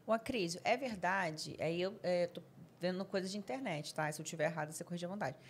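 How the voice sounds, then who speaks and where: A woman hosts a casual podcast conversation in a voice a little lower than most. She asks her questions in a relaxed, teasing tone. A faint ambient hiss sits under her voice. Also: brisk. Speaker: podcast host.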